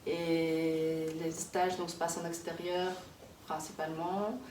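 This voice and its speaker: A woman in her thirties from Kazakhstan talks casually in an interview, pausing often and restarting her sentences. Her voice sits a little low. The sound is roomy and distant, with faint noise behind her. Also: level tone, darkish tone. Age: 30s. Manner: hesitant, many fillers and restarts. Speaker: interviewee, early childhood worker. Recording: echoey room, distant mic, background noise.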